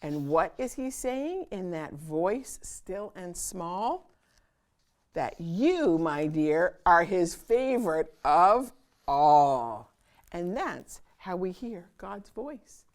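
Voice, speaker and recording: Reading a picture book aloud to children, a woman with a somewhat low voice hosts storytime. She uses a musical, sing-song cadence and lets dramatic pauses hang.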